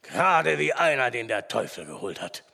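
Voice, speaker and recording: A man voicing a blunt, gruff old forester who shouts when excited and grumbles low, in reverberant sound. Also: normal speed, heavily acted. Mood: gruff, grumbling.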